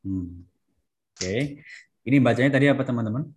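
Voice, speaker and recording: A man's voice: medium pitch, normal speed. A man teaching a German class, patiently prompting students to say words back. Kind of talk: classroom language lesson.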